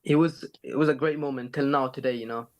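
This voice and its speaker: Speaking fast in a steady, mid-range voice, this man from Sweden is a rapper and singer being interviewed. The conversation is casual, and he peppers it with slang filler, especially "innit" and "you know."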